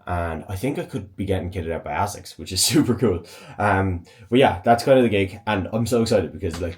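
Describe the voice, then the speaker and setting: A man's voice: low voice, darkish tone. A man, talking casually and upbeat to camera as a fitness vlogger, in informal slangy language. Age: 20s. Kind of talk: casual vlog talk to camera. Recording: clear background noise, vehicle and outdoor ambience.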